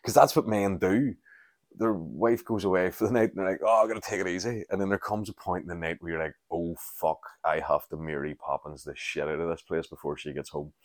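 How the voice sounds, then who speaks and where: A man's voice: low voice, fairly even intonation, a little fast, no room sound, clean studio sound. A man, chatting casually and candidly as a podcast host, rambling and swearing freely. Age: 40s. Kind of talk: casual solo chat.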